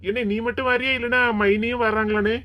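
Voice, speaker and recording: A performer voicing a good-natured young male office worker in an animated cartoon, speaking with a Kanyakumari Tamil accent in a teasing, pleading manner. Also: mid-range voice, fast talker, lightly acted.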